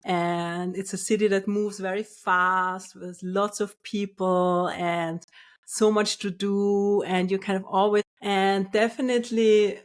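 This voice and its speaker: A woman from Austria hosting her own podcast, speaking in a calm, measured and soft-spoken way as a spiritual business coach. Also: on the low side. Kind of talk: scripted solo podcast.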